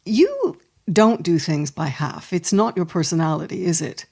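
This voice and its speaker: A woman's voice: fairly low pitch, sing-song, moderate pace, gravelly, a little mellow, breathy edge. A woman in her sixties hosting a podcast, chatty and enthusiastic as she talks with her guest. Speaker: podcast host. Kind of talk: podcast interview.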